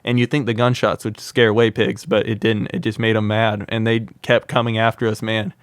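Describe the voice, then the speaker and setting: A man's voice: on the low side, fairly quick, no echo, clean studio sound. A young man, a wildlife content creator, telling wild stories as a podcast guest, with lots of "like" fillers. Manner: lively anecdote telling with frequent "like" fillers. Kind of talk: casual interview storytelling.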